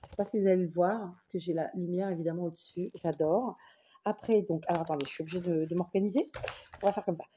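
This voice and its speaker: A fast-talking woman from France with a fairly low, dark, fairly even voice comes through lo-fi with a little hiss or hum. Casually unboxing mailed craft paper for the camera, she enthusiastically keeps saying she loves each piece, thinking aloud, restarting and trailing off.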